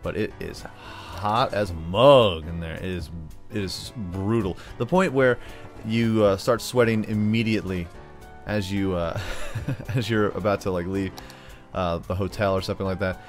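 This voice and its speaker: A deep-voiced American man hosts a gaming video, giving casual commentary at a measured pace. He's playful and rambling as he thinks aloud, often slipping into put-on drawls, with music playing in the background.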